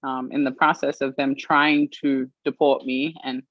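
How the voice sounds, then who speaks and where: A woman from Australia giving an earnest personal account as an interview guest, pausing often with fillers. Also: very deep voice, little pitch movement, dry recording. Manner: earnest, measured, with frequent pauses and fillers. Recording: dry, slightly muffled stream audio.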